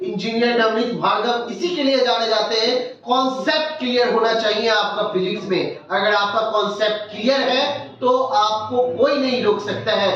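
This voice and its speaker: A man's voice: high-pitched, fairly even intonation, moderate pace, hardly any pauses, fairly bright tone. A man hosting a local news interview, speaking in an encouraging, formal presenter tone. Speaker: interview host. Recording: echoey, distant, dull room sound.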